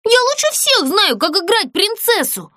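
A woman voicing a bratty, spoiled young girl doll in a storybook, shrill and bossy. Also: very animated, unhurried, pushed and bright, dry recording, studio quality, heavily acted.

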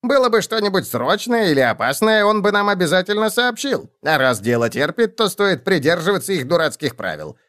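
A man voicing a shrewd, sharp-tongued male goblin who mocks and explains. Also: high-pitched, very animated, pitched above the performer's own voice. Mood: explaining. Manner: mocking, quick retorts.

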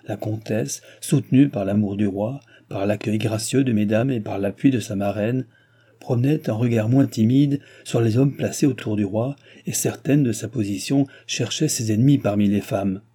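A man narrates a classic novel as an audiobook, reading in a measured, even way. His voice is very dark and mellow. There is a faint husky grain to it. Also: on the low side.

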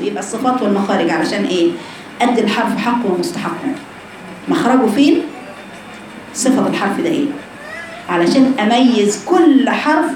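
A woman with an Egyptian accent teaching a recitation lesson to women, explaining slowly and voicing letter sounds aloud to demonstrate. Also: a little high, a little mellow. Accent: Egyptian Arabic. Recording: echoey room with background noise.

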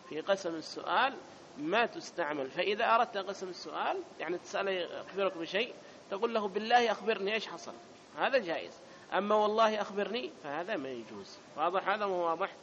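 A man's voice: high-pitched, fairly bright tone, highs cut off, a little hiss or hum. A man teaching an Arabic grammar class, who repeats each point and keeps asking whether students follow. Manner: repeats points and checks understanding. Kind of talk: classroom lesson.

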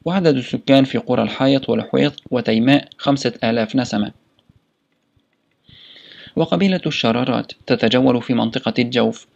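Gravelly man reading from a memoir. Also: mid-range voice, muffled recording. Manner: steady reading of name lists with asides. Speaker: reader. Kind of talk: audiobook reading.

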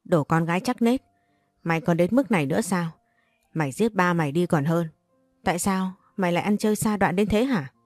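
A woman's voice: lowish voice, brisk, a little mellow, no echo, clean studio sound, soft background music, close to an everyday voice. A woman reading as a stern middle-aged father.

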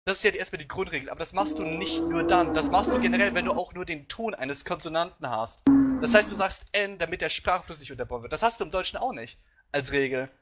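A man in a casual podcast debate, explaining at length in an animated way and dropping English slang words. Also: fairly high pitch, fast, heavy background noise. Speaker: podcast participant.

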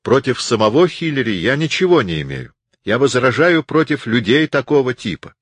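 Man voicing a forceful, lecturing young man. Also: medium pitch, animated, moderate pace, breathy edge, dry recording, pitched above the performer's own voice. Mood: dismissive. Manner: insistent, lecturing. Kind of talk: audiobook reading.

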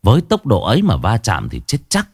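Expressive male ghost-story narrator, lively. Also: lowish voice, fairly quick, slightly rough, dry recording, studio quality. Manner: expressive, dramatic reading.

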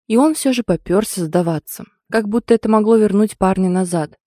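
A woman's voice: medium pitch, fairly quick, warm tone, no room sound, studio quality, natural voice. A woman reading an audiobook, voicing a stern, protective older brother who barks firm orders. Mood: bitter.

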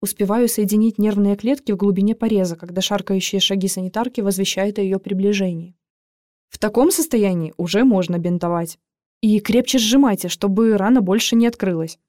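A woman narrating a first-person audiobook in a lively, expressive way. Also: mid-range voice, no echo, studio quality.

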